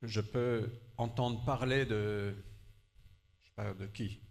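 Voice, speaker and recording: A man preaching a sermon in short phrases, pausing for an interpreter, with an earnest, slightly halting delivery. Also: on the low side, fairly even intonation, creaky.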